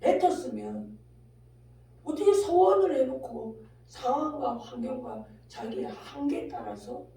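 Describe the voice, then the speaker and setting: Echoing woman preacher shouting in a hall. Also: high voice, gravelly. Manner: swings between shouting and hushed, near-whispered asides; fires off rhetorical questions at the congregation. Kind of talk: fiery Korean revival sermon. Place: large echoing prayer-house hall. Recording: very echoey hall, voice far from mic, faint hum.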